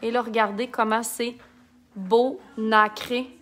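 A woman's voice: on the high side, steady tone, slow, fairly bright tone, faint music behind. A woman with a Québécois accent, chatting and joking while she demonstrates makeup in a casual live tutorial and reads out viewer comments. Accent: Québécois French. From Quebec.

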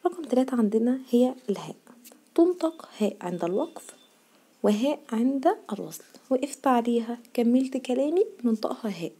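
A woman teacher with an Egyptian Arabic accent explains a grammar lesson to young children. Her voice is slightly high, but very dark and soft in tone, with a husky, breathy edge. She repeats the questions patiently and answers in the pupils' voice. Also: expressive, brisk. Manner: patient, quizzes the class, then answers in the pupils' voice. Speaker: primary school teacher.

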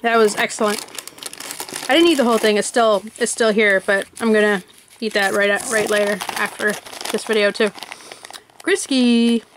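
A woman's voice: mid-range voice, steady tone, normal speed, long pauses, noisy background. A woman chatting casually as she unwraps and tastes snacks for a vlog, thinking aloud as she goes. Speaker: vlogger.

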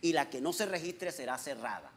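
Impassioned Venezuelan preacher, somewhat high. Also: male voice, expressive, fairly quick. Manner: impassioned, swings between soft asides and loud exhortation, rhetorical questions. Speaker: visiting preacher. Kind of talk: sermon.

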